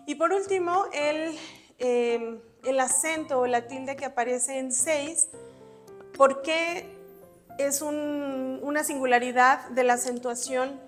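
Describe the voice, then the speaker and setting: A woman giving an exam-prep spelling lesson, patiently explaining rules step by step with examples while writing on a board. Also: high-pitched. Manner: writes on a board while talking. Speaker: spelling teacher.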